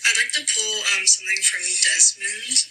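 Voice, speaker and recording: A woman on a student podcast, reading a quote in a measured way with hesitant ums, heard re-recorded off a phone through a speaker. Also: mid-range voice. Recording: distant phone re-recording with faint music.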